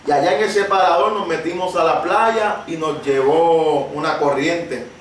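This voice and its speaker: A fervent preacher with a rather high voice, speaking with passion and building to shouts. His voice rings through a very echoey space and sounds distant from the microphone. Steady light background noise sits under the sermon. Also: measured pace. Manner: impassioned, emphatic, building to shouted peaks. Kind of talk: sermon with personal testimony. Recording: very echoey room, voice far from the mic.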